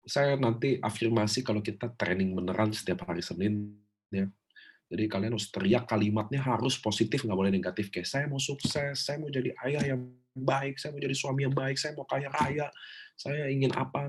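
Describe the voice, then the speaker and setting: A man giving a preachy, animated motivational training talk to his team. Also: medium pitch, husky. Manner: preachy, animated, shouts example affirmations. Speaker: business trainer.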